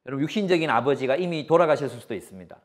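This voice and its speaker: A man's voice: medium pitch, animated, racing. A pastor in his forties giving a sermon, with an emphatic, repetitive preaching cadence and personal anecdotes.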